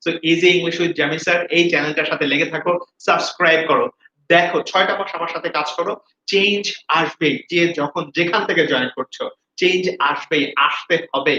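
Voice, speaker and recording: A high, bright-voiced man teaches English pronunciation with lively energy, repeating each word for his students to echo back. The recording sounds roomy and a little dull, with faint hiss underneath. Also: fairly quick. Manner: energetic, repeats words for students to say after him. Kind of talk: classroom-style video lesson, mixing Bengali and English.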